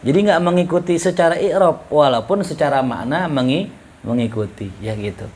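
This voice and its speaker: A man teaching a class in a relaxed, joking way, reading Arabic lines and explaining them with questions to students. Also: fairly high pitch, a little fast. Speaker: ustadz teaching Arabic rhetoric. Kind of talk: casual classroom lecture.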